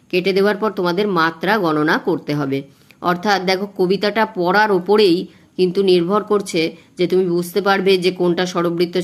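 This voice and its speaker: A woman tutor, teaching verse metre step by step, slowly chanting poem lines and counting syllables aloud. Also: lowish voice. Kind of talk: exam-prep lesson on verse metre.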